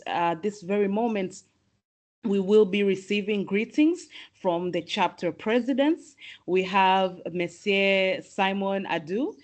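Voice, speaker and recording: A woman from Tanzania hosts an online professional webinar, her voice a little low. She speaks in a measured, welcoming way, pausing with the odd "um". She sounds like she is on a computer mic during a video call. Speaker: host and moderator. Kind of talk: formal webinar hosting.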